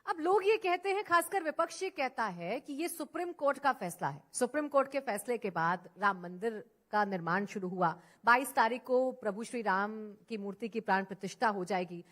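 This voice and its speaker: A woman's voice: on the high side, animated, moderate pace, few pauses, fairly bright tone. A woman news anchor interviewing a politician on a conference stage, asking pointed, formal questions that set out the critics' case first.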